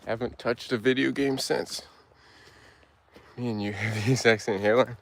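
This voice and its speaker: A young man from Turkey, speaking in a gravelly mid-range voice, walks in the woods and chats easily with his live-stream viewers. He answers their comments aloud, frequently breaking off and restarting.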